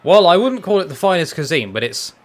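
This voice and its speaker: A man's voice: on the high side, very animated, fairly quick. A young man from England, chatting casually and ramblingly while streaming a fighting game, with frequent restarts and some mild swearing. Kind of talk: casual chat while gaming.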